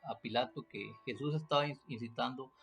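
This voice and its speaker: Man, teaching scripture off the cuff; rough fry in the voice, lots of fillers and restarts. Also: medium pitch, brisk, fairly bright tone. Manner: hesitant, many fillers and restarts, rhetorical questions. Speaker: preacher. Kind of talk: unscripted Bible teaching.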